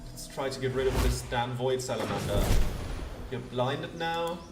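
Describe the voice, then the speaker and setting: A man's voice: medium pitch, expressive, normal speed. A man hosting a let's play with casual commentary, thinking aloud and talking to the game's characters. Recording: roomy distant voice under loud game music.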